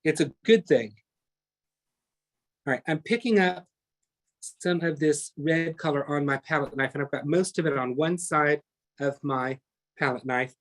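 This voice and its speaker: Man, painting instructor, live online class, slightly high voice, chatty, self-correcting. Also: unhurried, long pauses. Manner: chatty, talks through each step, self-correcting.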